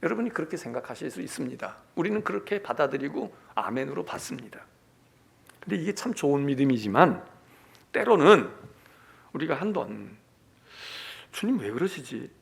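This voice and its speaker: A middle-aged man preaching a Sunday sermon as senior pastor, swinging between hushed whispers and raised, emphatic calls, and acting out quoted lines. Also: on the high side, very animated, a little fast, gravelly. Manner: acts out quoted lines in character.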